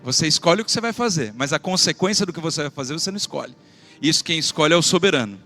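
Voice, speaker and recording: Male pastor, bright ringing voice, preaching a fervent sermon with loud calls and hushed asides, soft music underneath. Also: a little high, lively intonation, fast. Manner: fervent, rising to loud exclamations then dropping to quiet asides; asks the congregation for call-and-response. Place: church sanctuary with congregation.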